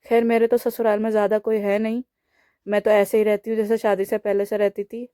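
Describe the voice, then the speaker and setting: A woman's voice: mid-range voice, flat delivery, brisk, warm tone, clear, resonant tone, no room sound, studio quality. A young woman vlogger with a Bihari Hindi accent, talking straight to camera to scold and plead with people who bother her family. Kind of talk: direct-to-camera message.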